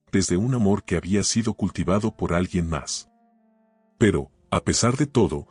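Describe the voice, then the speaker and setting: Deep husky male narrator. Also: darkish tone, dry recording. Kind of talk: scripted dramatic narration.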